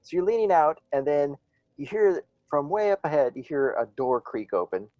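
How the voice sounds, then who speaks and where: Rambling man game master, lively pitch. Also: moderate pace, no room sound, highs cut off. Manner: rambling, hesitant, many fillers. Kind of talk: narrating a tabletop game.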